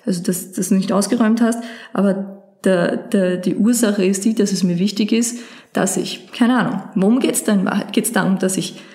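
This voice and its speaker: Woman, casual chat, hesitant wording, dark mellow tone, roomy echo. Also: mid-range voice, normal speed. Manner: thoughtful, searching for words with many fillers. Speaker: podcast co-host presenting a book.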